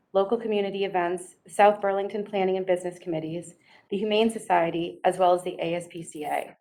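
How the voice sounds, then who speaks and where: A middle-aged woman reading a prepared victim's family statement to a court, in a solemn, formal and deliberate manner. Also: on the low side, warm tone. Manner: solemn, deliberate, measured wording.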